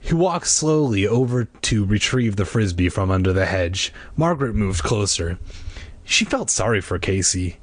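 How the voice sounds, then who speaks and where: A man's voice: on the low side, sing-song, moderate pace, no echo. A man reading a children's book aloud in a playful way, tossing in wisecracks between passages. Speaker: reader.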